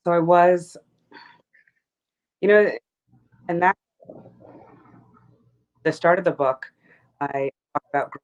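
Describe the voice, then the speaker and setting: Woman guest on a laptop call, audio glitching and dropping out, halting and restarting her sentences. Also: lowish voice, lo-fi sound. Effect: glitching audio that cuts in and out. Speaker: author guest. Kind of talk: livestreamed book talk interview. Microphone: laptop video call.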